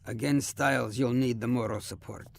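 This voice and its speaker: A man's voice: medium pitch, fairly even intonation, normal speed, creaky, a little hiss or hum, lightly acted. A man playing a wry, teasing, loyal starship captain in a science fiction audio drama.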